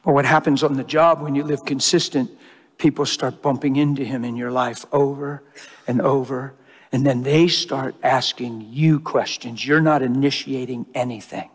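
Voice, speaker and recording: A man preaching a sermon, telling a story with animated energy and acting out the dialogue. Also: medium pitch, normal speed, slightly rough. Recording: long hall reverb.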